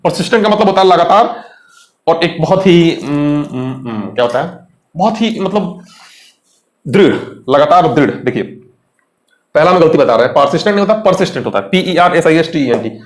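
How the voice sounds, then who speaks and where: A man's voice: fairly high pitch, lively intonation, moderate pace, reverberant. Chatty Indian male English teacher. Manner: chatty, asks students questions, Hindi mixed with English. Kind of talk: exam lesson explaining vocabulary.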